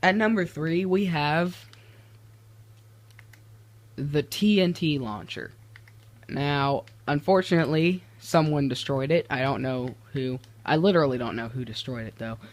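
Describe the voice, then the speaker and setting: A man's voice: a little high, unhurried. A teenage boy casually commenting on his game builds, rambling and restarting his sentences, easily exasperated. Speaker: gaming video creator.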